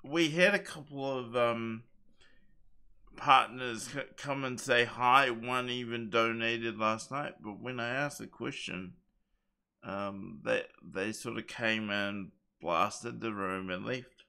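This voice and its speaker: A man's voice: medium pitch, takes it slowly, vocal fry, pushed and bright, clear, resonant tone. A man co-hosting a livestream, chatting casually in an earnest, emphatic way. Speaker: livestream co-host.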